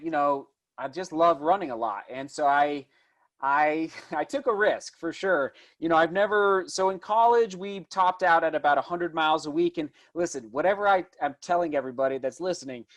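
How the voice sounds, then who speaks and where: High-pitched man chatting in an interview. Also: moderate pace. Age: 30s. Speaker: interview guest, distance runner and vlogger. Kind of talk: casual conversational interview.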